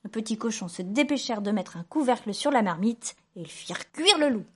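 A woman's voice: on the high side, expressive, a little fast, a little mellow, husky. Woman reading a fairy tale aloud. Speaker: storyteller.

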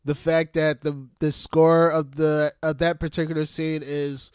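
A man with a slightly raised pitch keeps cutting in with jokes and laughs while talking over a film. The sound is close and dry, with no room around it. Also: little pitch movement, a little slow, a little mellow, clean tone, no room sound. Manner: laughs often, chimes in and jokes. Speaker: podcast co-host. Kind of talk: casual movie recap chat.

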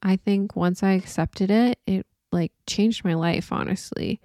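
A woman's voice: medium pitch, measured pace, dark tone, dry recording, studio quality. A young woman in her twenties hosting a casual solo podcast, talking candidly and chattily with the odd swear word. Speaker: podcast host.

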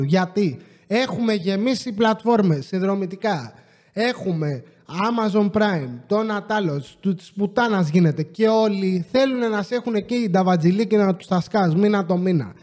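A man's voice: sits high, a little mellow, long reverb tail. A man hosting a podcast, ranting in a casual, sarcastic way and swearing often. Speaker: podcast host. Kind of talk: casual comedic rant.

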